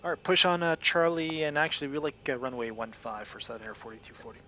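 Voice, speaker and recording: A man's voice: mid-range voice, fast, sharp tone. A man making pilot radio calls to ground control through a cockpit headset mic, using radio phrasing broken by frequent uhs. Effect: pilot talking into a cockpit headset mic. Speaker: flight simulator pilot. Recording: dull lo-fi headset mic with hiss.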